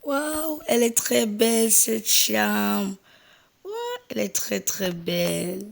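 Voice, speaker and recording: A woman voicing an excitable, spoiled daughter who gushes and squeals over everything. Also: mid-range voice, takes it slowly, creaky. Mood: thrilled. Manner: gushing, squealing with delight.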